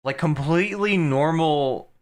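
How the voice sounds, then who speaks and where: A man's voice: a little high, unhurried. A man streaming live, reacting to clips with crude jokes and frequent laughter. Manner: crude, joking, laughs often. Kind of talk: casual live-stream commentary.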